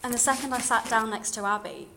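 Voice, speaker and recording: With a fairly high, bright and forceful voice, a young woman from London talks very fast and very animatedly. She is giving a sincere, plain-spoken testimony to a church congregation in a modern British accent slightly tinged with RP. Room ambience and background noise come through clearly.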